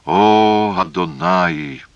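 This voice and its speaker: A man's voice: lowish voice, lively intonation, slow pace, pushed and bright, no room sound, highs cut off, voice pushed up, full character voice. A man reading as a solemn, noble warrior. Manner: solemn, insistent.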